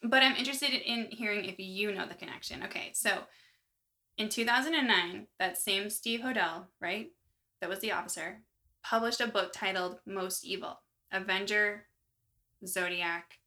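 A woman co-hosting a true-crime podcast, talking in a chatty, animated way with lots of asides. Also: medium pitch, moderate pace. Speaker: podcast co-host. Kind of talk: casual true-crime chat.

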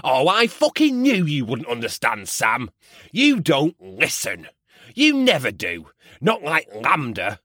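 A man's voice: mid-range voice, huge pitch swings, takes it slowly, pushed and bright, no room sound, clean studio sound, heavily acted. An actor playing a paranoid, crude male field reporter, gushing over his love with wild swings in his voice. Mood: lovestruck.

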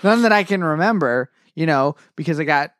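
A man co-hosting a casual podcast, trading deadpan jokes while reviewing an anime episode. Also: a little high, brisk, no echo, studio quality. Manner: joking, deadpan asides. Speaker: podcast co-host.

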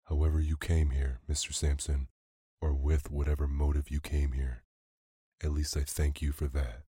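A man voicing a polished, scheming gentleman villain who speaks in a measured, composed way. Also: very deep voice, level tone, husky, no echo, clean studio sound, exaggerated voice. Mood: polite.

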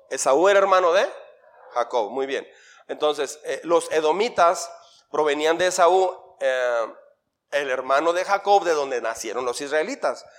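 A middle-aged Mexican pastor with a fairly high voice teaches scripture to his church in a conversational way. He tosses questions to the congregation and fills in the answers himself. His delivery swings between loud emphatic lines and soft asides. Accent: Mexican Spanish. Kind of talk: interactive Bible teaching sermon.

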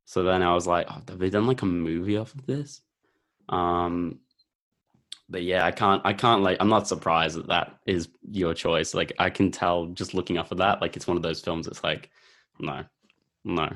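A young man with a deep, low-pitched voice. He talks in a loose, laid-back ramble, full of ums and likes, as he chats about films. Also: steady tone, moderate pace, a bit bright. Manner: rambling, laid-back, heavy use of filler words. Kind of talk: casual chat about films.

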